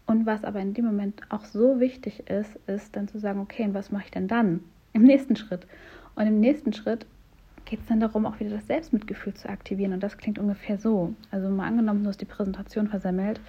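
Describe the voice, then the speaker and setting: Breathy woman coaching with warm encouragement. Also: medium pitch, fairly even intonation, fast, dull audio. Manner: warm, encouraging, speaks directly to the listener. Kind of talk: coaching talk to listeners.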